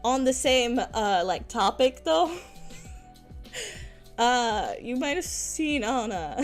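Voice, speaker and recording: A woman with a high voice chats casually on stream in a cute, girlish anime-streamer way. Her intonation jumps around expressively at an unhurried, slow pace. She is giggly and playfully dramatic. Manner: giggly, frequently breaking into laughter. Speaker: VTuber live streamer.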